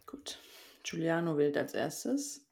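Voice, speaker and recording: A woman's voice: deep voice, slow, vocal fry, over a noisy crowd. Laid-back slangy young woman. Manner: relaxed, slangy, chiming in with short remarks. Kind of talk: casual chat about a reality show.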